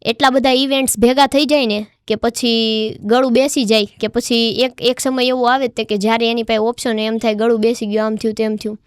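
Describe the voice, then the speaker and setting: A woman's voice: a little high, fairly quick, hardly any pauses, clean tone, no echo. Chatty young folk singer woman. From Gujarat. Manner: chatty, animated, repeats phrases for emphasis. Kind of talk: casual storytelling interview. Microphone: studio podcast mic.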